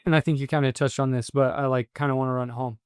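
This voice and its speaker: Halting host with a smooth voice. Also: medium pitch, steady tone, a little mellow, no room sound, clean studio sound. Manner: halting, searching questions. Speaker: podcast host. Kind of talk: casual interview questions.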